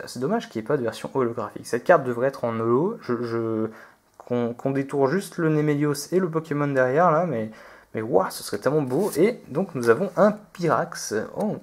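A man hosting a relaxed card-pack opening video, chatty and hesitant, reading out each card name as he goes. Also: medium pitch. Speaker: video host opening trading card packs. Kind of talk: relaxed unboxing commentary.

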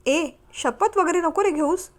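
A woman's voice: very high voice, measured pace, voice pushed up. A woman voicing a young mother who teases and lightly scolds her husband in a storybook reading. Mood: teasing. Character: warm teasing young mother, firm at heart.

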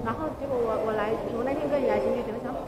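A young woman with a Taiwanese Mandarin accent chatting casually with a friend, animated and quick to laugh. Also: on the high side. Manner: animated, indignant, laughs easily. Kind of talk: casual chat. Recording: roomy, loud crowd and noise.

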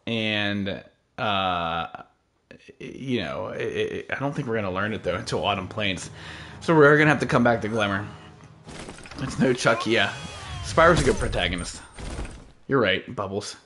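A man's voice: fairly low pitch, animated, moderate pace, pauses often, a bit bright, slight background noise. A man in his thirties giving casual, slangy, rambling gameplay commentary as a streamer. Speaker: game streamer. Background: game music.

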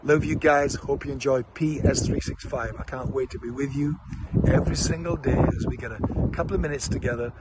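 A man in his fifties giving an upbeat motivational talk to camera in an encouraging, deliberate way. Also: medium pitch. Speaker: motivational mentor. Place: outdoors by a leafy hedge. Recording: noisy outdoor phone recording.

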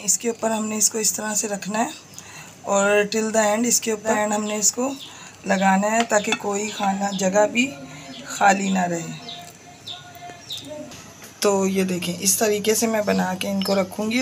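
In her home kitchen, a woman with a Pakistani Urdu accent runs a chatty cooking tutorial, walking viewers through each step and pointing things out again and again. Her medium-pitched voice is level and a little slow, with background noise.

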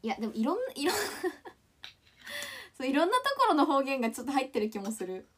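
A woman's voice: high-pitched, very animated, a little fast, a bit bright. A young woman in her twenties from Ishikawa, chatting casually on a livestream with a mostly standard accent that slips into Kansai touches, giggling and reading comments aloud. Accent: mostly standard Japanese with Kansai touches. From Ishikawa, Japan. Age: 20s.

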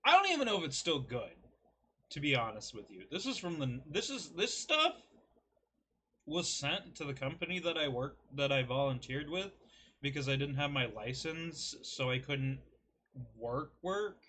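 Very animated and on the high side, this man's voice comes across pushed and bright at a moderate pace, against slight background noise. In his early twenties, he jokes and rambles at a desk webcam in his small, cluttered bedroom while reviewing food and teasing himself.

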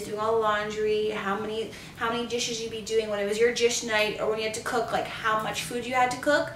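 Upbeat twenty-something vlogger gal from canada, a bit high, echoey room and set back from the mic. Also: female voice, a bit bright, a little hiss or hum. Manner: upbeat, chatty, quick bursts of speech. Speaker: beauty vlogger. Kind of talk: casual chat to camera. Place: living room or home office, indoors. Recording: roomy, slightly distant sound.

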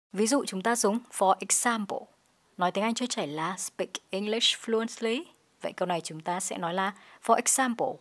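A woman teacher giving an English pronunciation lesson, explaining in Vietnamese and saying the English phrases slowly and deliberately. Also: medium pitch.

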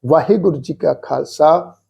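A man from Punjab teaching scripture pronunciation in a patient, slow lesson, repeating each word carefully. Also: a little high, vocal fry, background noise. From Punjab, India. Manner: patient, repeats words slowly and deliberately. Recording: slightly dull lo-fi recording.

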